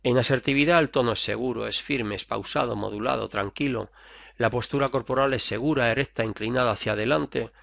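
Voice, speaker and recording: A man's voice: mid-range voice, brisk, vocal fry, fairly bright tone, dry recording, muffled recording. A man teaching a recorded therapy course over slides, talking conversationally and acting out short example dialogues.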